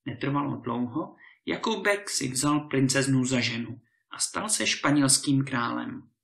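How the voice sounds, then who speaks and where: A man reading a fairy tale aloud as a storyteller, in an animated, expressive way. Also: mid-range voice, gravelly. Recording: roomy echo.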